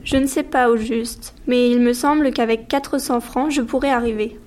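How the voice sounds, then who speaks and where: A vain, discontented young wife in an audiobook story, voiced by a woman. Her voice sits high and has a plaintive, sulky tone. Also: steady tone, normal speed, darkish tone, lightly acted. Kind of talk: audiobook dialogue.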